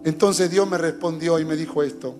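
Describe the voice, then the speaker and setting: A man's voice: a little high, fairly even intonation, a little fast. A man preaching a sermon as pastor, fervent and urging, sharing his testimony. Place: church hall. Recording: long hall reverb with faint music.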